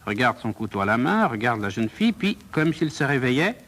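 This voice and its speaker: A man reading a play's stage directions in a calm, measured way. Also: medium pitch. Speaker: reader.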